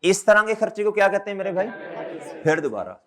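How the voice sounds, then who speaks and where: High-voiced male accountancy teacher lecturing. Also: big pitch swings, brisk, a bit bright. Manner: repeats questions back to students; calls students brother and children. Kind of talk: classroom lecture.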